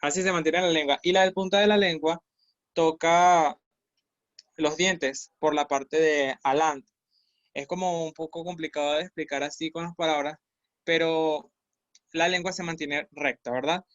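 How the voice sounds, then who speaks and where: Slow, patient male language teacher. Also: on the high side, steady tone, a bit bright, dry recording, dull audio. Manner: patient, repeats syllables slowly for students. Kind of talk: online language lesson.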